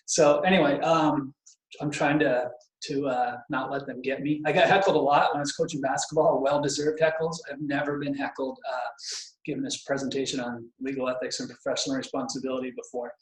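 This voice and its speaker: A man's voice: mid-range voice, little pitch movement, fairly quick. A man giving a casual spoken presentation on professional duties as a bar counsel, chatty and digressive, a speaker who admits he tends to ramble. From Vermont. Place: home garage. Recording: echoey garage.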